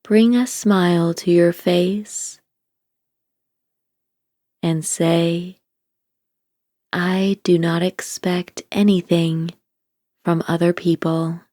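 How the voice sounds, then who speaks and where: A woman narrates a scripted guided meditation, giving gentle instructions in a calm, soothing, deliberate manner. Her voice sits on the low side, with clean studio sound and no echo.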